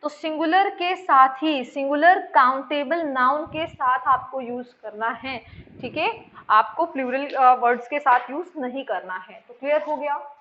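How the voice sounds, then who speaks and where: A woman's voice: high voice, unhurried, a little hiss or hum. A woman teacher explaining grammar in a lesson, repeating points and quizzing her students with questions. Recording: dull lo-fi sound.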